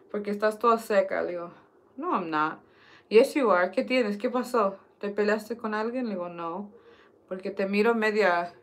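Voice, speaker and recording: A woman's voice: mid-range voice, a bit bright. Joking Spanglish woman. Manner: joking, switches between Spanish and English. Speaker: vlogger. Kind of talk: casual chat.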